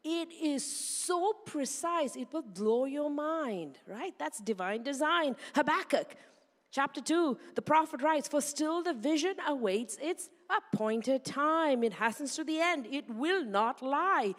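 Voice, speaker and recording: A woman preaching a sermon in a church, animated and firing rhetorical questions she answers herself. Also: sits high, slow. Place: church sanctuary. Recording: reverberant church hall sound.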